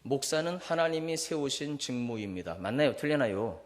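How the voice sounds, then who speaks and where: A man's voice: lively intonation, moderate pace, in a large hall. A male pastor preaching a Sunday sermon, questioning the congregation and acting out family quarrels. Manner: mimics quarrelsome family voices in high shrill bursts. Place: church sanctuary.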